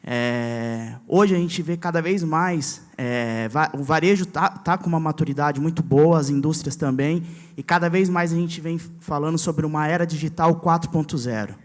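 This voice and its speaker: A man in the audience asking a hesitant, halting question with fillers. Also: fairly high pitch.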